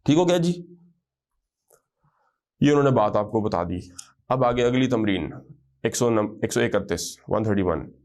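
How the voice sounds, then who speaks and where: A man teaching Arabic grammar in class. He explains at length, speaks Arabic phrases slowly, and often checks whether the class follows. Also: fairly low pitch, animated, darkish tone. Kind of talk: classroom lesson.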